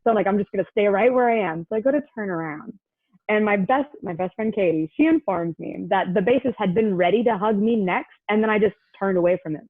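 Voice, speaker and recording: A woman's voice: mid-range voice, quick pace. A young woman tells a story in a loose, chatty way, filling it with "like" and acting out what others said. The sound is thin and tinny, as if over a phone line, with no room echo. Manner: chatty, many "like" fillers, acts out quotes. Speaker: guest. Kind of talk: casual storytelling.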